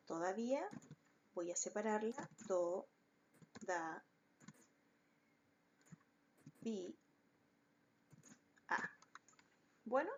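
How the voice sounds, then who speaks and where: A woman's voice: fairly low pitch, a little mellow, muffled recording. A woman teacher explaining a lesson patiently, step by step, to schoolchildren. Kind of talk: recorded online class.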